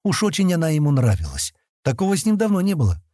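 A man narrating an audiobook in a calm, expressive storytelling manner. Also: fairly high pitch, fast talker, dry recording, clean studio sound. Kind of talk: audiobook reading.

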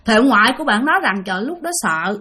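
A woman's voice: fairly high pitch, very animated, fast, sharp tone, breathy edge. A woman telling a ghost story in a chatty way and speaking directly to her listeners. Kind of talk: spoken ghost-story narration.

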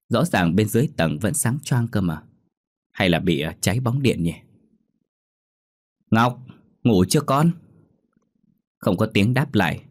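A man narrating a ghost story in a measured, somber way. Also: sits low, no room sound, studio quality. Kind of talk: horror audiobook narration.

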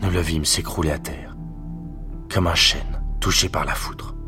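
A man reading a literary narration in a measured, solemn way. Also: extremely low pitch, fairly even intonation, music in the background.

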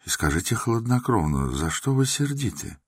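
A man voicing a meek, soft-spoken middle-aged doctor in an audiobook, talking quietly and apologetically. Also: medium pitch, very animated, moderate pace, husky, no room sound, studio quality, pitched above the performer's own voice. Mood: apologetic. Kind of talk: audiobook character voice.

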